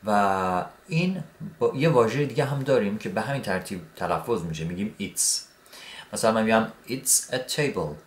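A man teaches an English grammar lesson in a relaxed, repetitive way, stopping often to say okay as he writes on a board. His voice sits fairly low. The room is echoey around him. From Iran. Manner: relaxed, repeats words, says "okay" often. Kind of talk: explaining grammar at a whiteboard.

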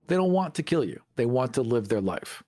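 In a brisk, dark-toned, mid-range voice with big swings in pitch, a man co-hosts a podcast. He chats casually about fantasy game monsters, punctuating the talk with short, emphatic statements.

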